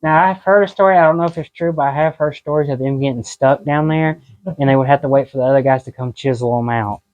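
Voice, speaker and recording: A man's voice: medium pitch, fast, darkish tone, lo-fi sound. A man giving an informal, folksy guided tour inside a cave, in a conversational way.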